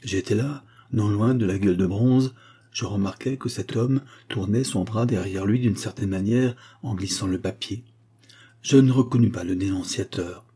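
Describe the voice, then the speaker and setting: A man voicing an excitable, loyal male dwarf servant who talks in a breathless, pleading way. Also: on the low side, normal speed, breathy edge. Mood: urgent.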